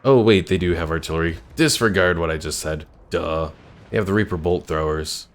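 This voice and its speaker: A man's voice: deep voice, brisk. A man streaming a strategy game, giving wry casual commentary and reading out chat. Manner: wry, reads chat and laughs at himself.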